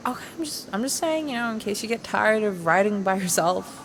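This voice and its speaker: A woman's voice: medium pitch, animated, a little fast, noisy background, lightly acted. An actress playing a hopeful young woman who talks in a hesitant, rambling way.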